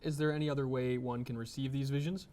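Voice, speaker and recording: A man's voice: mid-range voice, fairly even intonation, quick pace, a little mellow, slight background noise, close to an everyday voice. A young man playing a straight-faced, formal co-host of an occult comedy talk show. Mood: deadpan. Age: young adult. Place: TV studio set.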